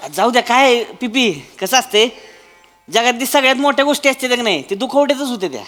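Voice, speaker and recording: A coaxing folksy neighbour. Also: male voice, very high voice, animated, brisk, a bit bright, big-room sound, faint music behind. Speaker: comedy sketch actor. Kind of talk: stage comedy sketch.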